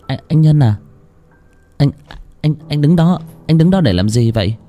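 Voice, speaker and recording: A frightened young woman, voiced by a male narrator, calls out in a higher, stammering voice. Faint music runs under this storybook horror reading. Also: lively intonation, moderate pace, warm tone, natural voice. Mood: nervous. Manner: stammering, raised voice.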